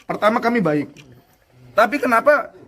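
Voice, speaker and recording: A man's voice: extremely high pitch, animated, moderate pace, bright, forceful tone. Combative man with a Medan accent. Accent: Medan Indonesian. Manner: combative, challenging. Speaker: youth representative. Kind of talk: heated street confrontation.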